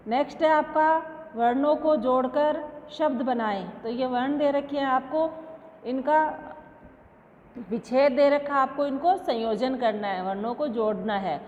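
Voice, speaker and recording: A woman's voice: sits high, darkish tone. A woman school teacher giving an online class lesson, explaining step by step, asking questions and answering them herself, and mixing English words into her Hindi. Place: classroom with a blackboard. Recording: dull lo-fi sound with long reverb.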